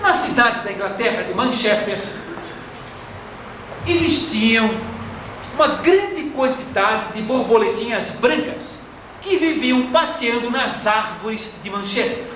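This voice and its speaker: A man from Florianópolis with a Brazilian Portuguese accent, giving a slow, didactic spiritist lecture. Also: extremely high pitch, lively intonation. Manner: didactic, slow and deliberate, fond of diminutives. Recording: echoey hall from far off, faint noise.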